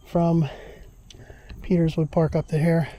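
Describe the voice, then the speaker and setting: A man with a mellow, dark-toned voice chats his way along an outdoor trail, grumbling to himself as he walks uphill. He sounds slightly winded from the climb. Faint rural sounds of insects drift behind him. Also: on the high side, flat delivery, a little slow, a little hiss or hum. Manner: chatty, grumbling remarks to himself. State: a little out of breath from walking uphill. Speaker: vlogger on a trail walk. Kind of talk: casual running commentary while walking.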